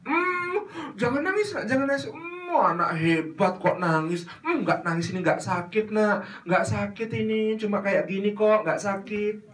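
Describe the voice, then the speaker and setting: Brief: high, cooing mother hushing her child, put on by a man, heard from a distant mic. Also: a little slow. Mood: coaxing. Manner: cooing, dismissive reassurance. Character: coaxing mother soothing a crying child.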